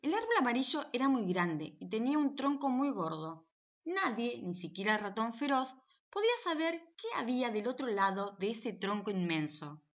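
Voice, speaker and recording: A woman narrating a children's storybook in an animated, playful way. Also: fairly high pitch, moderate pace, dull audio. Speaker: audiobook narrator.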